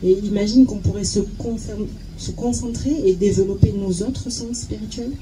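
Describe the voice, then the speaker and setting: The speaker is a female live interpreter doing consecutive work, medium in pitch and normal in speed, with music playing behind her. She falters and repeats words as she reaches for the wording. It's a rough recording with a clear, constant noise in the background.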